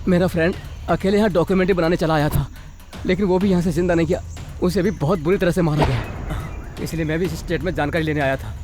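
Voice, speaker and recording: A frightened young filmmaker, played by a man, rushes out his explanation in a dubbed film. He talks quickly, his voice a little high. Faint music sits underneath. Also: close to an everyday voice. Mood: nervous. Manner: fast, nervous, pleading. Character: scared young male documentary maker.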